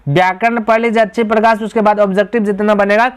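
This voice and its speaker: A man's high voice comes across flat and fast, with a clean tone, during a grammar lesson. He explains step by step, asks rhetorical questions and answers them himself, and addresses the students as "my brother."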